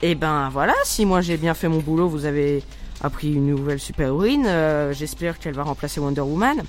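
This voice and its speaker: A man's voice: fairly high pitch, fairly quick, soft background music. A teenage boy presenting a superhero column on a school radio show, hesitant, with mock-serious asides. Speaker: student columnist.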